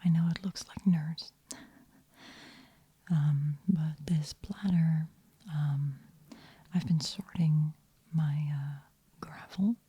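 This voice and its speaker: A woman speaking in a hushed, whispery voice as an ASMR host, gentle and unhurried. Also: low-pitched, fairly even intonation, breathy edge. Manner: slow, unhurried, gentle murmur. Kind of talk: soft-spoken ASMR.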